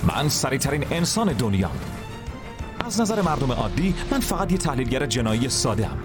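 A man plays a young speedster hero in a dubbed TV drama, narrating the opening. His voice is earnest and heroic, with a lively pitch range, and a loud music score sits under it. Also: lightly acted.

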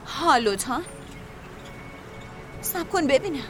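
A young forensic scientist in a dubbed TV drama, always hurried and quick to apologize. Her voice is high, and music runs under the dialogue. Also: lively intonation. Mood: curious. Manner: flustered, apologetic.

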